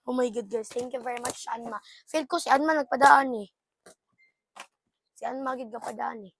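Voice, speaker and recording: A woman's voice: on the high side, normal speed, vocal fry, husky. A young woman vlogging casually as she unboxes, exclaiming often and mixing English with her own language. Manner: excitable, exclaiming, mixes English with local talk.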